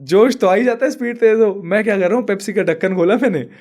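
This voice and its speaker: High-voiced young man telling a story. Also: quick pace. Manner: animated storyteller, laughs often. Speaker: podcast guest. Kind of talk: casual chat, storytelling.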